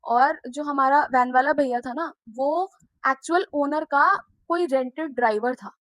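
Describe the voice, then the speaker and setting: A young woman tells a personal story in a casual vlog, animated and chatty, acting out what others said. Her voice sits high. The sound is close and dry, with no room echo. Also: a little slow. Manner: animated, acts out quoted people.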